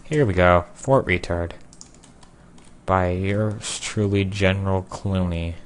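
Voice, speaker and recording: A young man casually commenting on his own gameplay, joking and sarcastic, with sudden loud outbursts. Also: sits low, slow pace, a little hiss or hum. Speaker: gameplay video creator.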